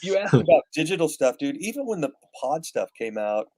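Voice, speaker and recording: A man's voice: a little high, very animated, brisk, darkish tone. A man in his fifties chatting casually as a guest guitarist, rambling with gear-nerd enthusiasm. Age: 50s. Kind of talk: casual chat.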